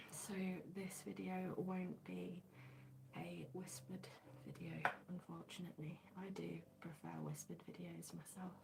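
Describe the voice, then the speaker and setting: A woman hosts a soft-spoken ASMR livestream while stuffed up with a cold. Her voice sits low and stays very even, with little rise or fall. She talks gently and apologetically, with plenty of fillers, into a smartphone in her living room. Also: a little slow, vocal fry, background noise. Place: living room, at a folded dining table.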